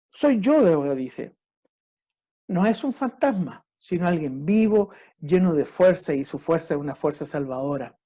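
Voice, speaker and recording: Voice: mid-range voice, warm tone. A preacher giving a reflective sermon who often checks in with the listeners through tag questions and sometimes stops to restart. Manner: halting, with restarts.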